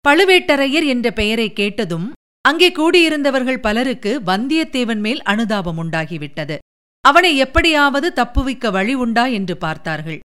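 A woman narrates a historical tale in a scripted, expressive reading. Her voice is smooth and resonant, and sits somewhat high for a woman.

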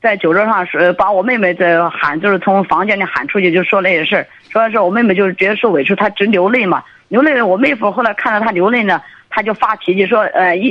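A woman's voice: medium pitch, no room sound. Female radio caller: hesitant rambler over a dull, lo-fi phone line, voice dry and close. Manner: halting, rambling, many restarts and fillers. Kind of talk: call-in radio conversation. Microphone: telephone.

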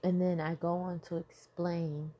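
A woman with a fairly low, dark voice speaks at a measured pace in a flat delivery. She's a mother talking candidly and bluntly about her childhood and parenting, swearing freely and conversationally in a personal talk on self-healing.

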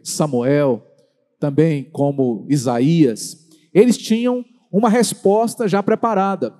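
A Brazilian man preaching a sermon as pastor, slowing down to stress words and asking the congregation direct questions. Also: fairly high pitch, mellow. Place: church hall. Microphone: handheld or stand microphone. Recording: long reverb of a church hall.

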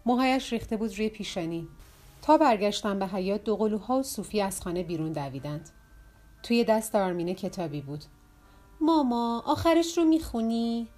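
Calm woman reading an audiobook. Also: mid-range voice, soft background music. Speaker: audiobook narrator. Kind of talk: scripted narration.

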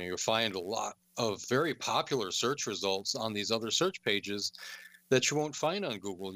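A man's voice: lowish voice, pushed and bright, dry recording. A man hosting a call-in radio talk show, rambling with lots of filler uhs and the odd sarcastic aside.

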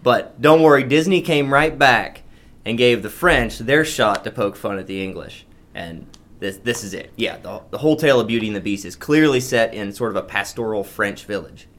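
A man's voice: on the low side, animated, moderate pace, a bit bright. A man co-hosting a podcast, chatting casually and laughing easily as he muses aloud while eating. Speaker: podcast co-host. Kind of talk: casual chat.

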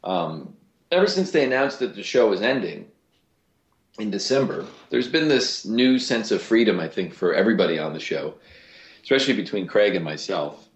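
A man's voice: lowish voice, animated, moderate pace. A man from Cleveland, a voice actor, talking animatedly as an interview guest, often restarting his sentences. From Cleveland, USA. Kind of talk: casual interview talk. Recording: roomy lo-fi recording.

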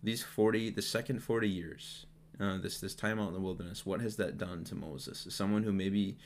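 A man co-hosting a podcast, casually teaching Bible stories with jokes and quick acted-out quotes. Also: low-pitched, slight background noise. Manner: relaxed, joking, acts out quotes. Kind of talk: casual Bible study chat.

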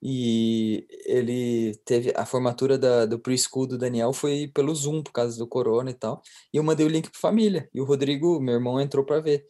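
A Brazilian man co-hosting a podcast, telling stories in a relaxed, joking way. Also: medium pitch, normal speed, few pauses. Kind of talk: casual chat.

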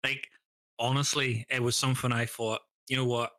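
Podcast host guy, bright voice, dry sound, laughs a lot and swears. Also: mid-range voice, little pitch movement, normal speed, no echo. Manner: chatty, swears freely, laughs often. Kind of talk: casual banter podcast.

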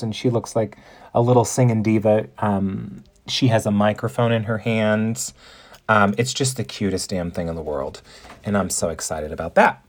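A man in his forties hosting a podcast, chatting in a bubbly, campy way with playful pet names from his makeup table. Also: mid-range voice. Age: 40s. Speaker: podcast host. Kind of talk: casual monologue.

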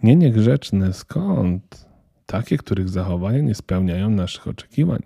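A man's voice: lowish voice, big pitch swings, measured pace, vocal fry, warm tone, breathy edge, dry recording, clean studio sound, exaggerated voice. A man voicing a small, fussy male Christmas elf who talks in a flustered, indignant, stern way.

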